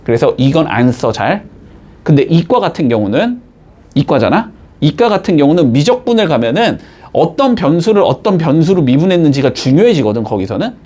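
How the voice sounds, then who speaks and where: A man teaching a math class, explaining step by step and checking in with his students with quick rising tags. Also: a little high, big pitch swings, a little mellow. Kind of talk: classroom lecture.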